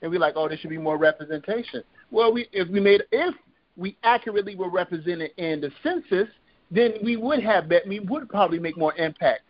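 A man's voice: sits high, expressive, brisk, no room sound. A man in his thirties co-hosting a casual podcast, speaking emphatically and voicing strong opinions. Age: 30s. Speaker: podcast co-host. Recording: dull lo-fi audio with faint noise.

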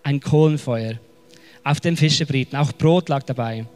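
A man with a Swiss German accent preaching a sermon, often searching for words and retelling scripture in a casual, lively way. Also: medium pitch, a little slow, long reverb tail, faint music behind. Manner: searching for words, frequent fillers and restarts.

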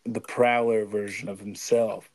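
A man's voice: on the low side, level tone, measured pace, a little mellow. Rambling young man on a podcast. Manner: rambling with many restarts and fillers, swearing. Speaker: podcast co-host. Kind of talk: casual chat.

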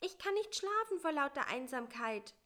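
A woman voicing a small, lonely, chatty male fly in a storybook reading, with a high, quick, plaintive voice. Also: very animated, bright, forceful tone, exaggerated voice.

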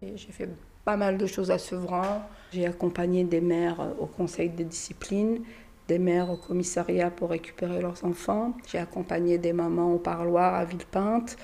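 A middle-aged woman from France recounting her own life story, acting out what others said and sometimes dropping to a hush. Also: lowish voice, fairly even intonation, normal speed, vocal fry. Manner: acts out quoted dialogue in her story, drops to hushed asides. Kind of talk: personal storytelling.

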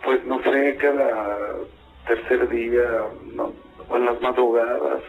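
A man's voice: medium pitch, flat delivery, takes it slowly, faint music behind. A young male caller giving hesitant, distressed answers on an archive radio show. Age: young adult. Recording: phone line on archive radio.

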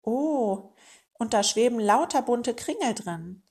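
A woman's voice: on the high side, expressive, takes it slowly, darkish tone, pitched above the performer's own voice. A woman voicing an impatient young female meerkat girl in a children's storybook, cheeky and whiny.

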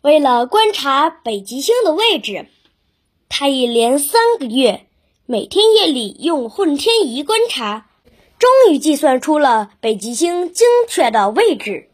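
A woman's voice: sits high, big pitch swings, unhurried. A woman narrating a scripted history lesson for children, explaining things as if to a child, with simple questions.

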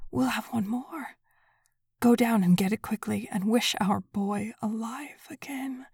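A woman voicing a desperate grieving old woman in a whispered role-play, breathy and pleading. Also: unhurried, a little mellow, no echo, clean studio sound, heavily acted. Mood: frantic. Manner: urgent, pleading, rising high.

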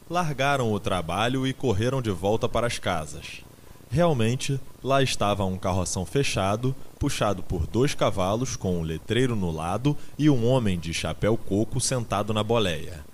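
Deep-voiced man narrating an audiobook. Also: slight background noise. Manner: measured, dramatic storytelling.

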